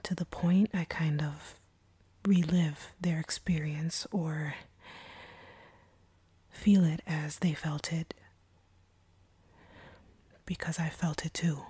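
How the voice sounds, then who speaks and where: A woman voices an ancient female vampire for an intimate audio roleplay, fully in character as a stern captor who is starting to relent. Her deep, steady voice comes as a dark, husky, very breathy whisper, deliberate and close in a dry, echo-free recording. She sounds hushed and confiding.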